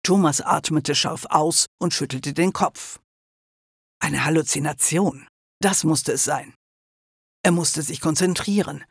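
A man narrating an audiobook in a steady storytelling manner. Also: fairly high pitch, measured pace, vocal fry, breathy edge, no echo, clean studio sound. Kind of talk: scripted narration.

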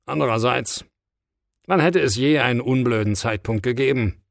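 A man's voice: mid-range voice, normal speed, gravelly, dry recording, clean studio sound, lightly acted. A man reading an audiobook, voicing God as a weary, blunt, casual figure.

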